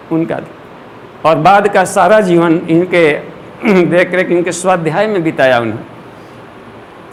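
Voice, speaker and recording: A man giving a devotional lecture, explaining earnestly to an audience and often clearing his throat. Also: sits high, a little hiss or hum. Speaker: spiritual teacher.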